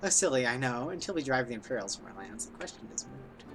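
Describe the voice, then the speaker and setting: A man's voice: mid-range voice, animated, fast talker, gravelly, over music. A man voicing a brooding, preoccupied young game recruit, wordy, formal and apologetic. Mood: apologetic, musing.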